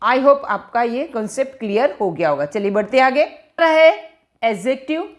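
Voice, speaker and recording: A woman's voice: fairly high pitch, expressive. A woman teaching English grammar in Hindi, explaining each term and checking understanding with repeated questions. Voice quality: slow, careful reading of English example sentences. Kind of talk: grammar lesson.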